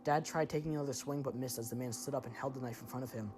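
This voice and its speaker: A man's voice: medium pitch, steady tone, racing, music in the background. A man narrating a first-person horror story in a tense, dramatic way.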